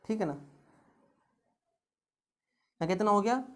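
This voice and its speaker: This math tutor, a woman, leads an exam-prep lesson, raising rhetorical questions at every step as she solves the problems. She speaks slowly at an ordinary pitch, in a patient, methodical way.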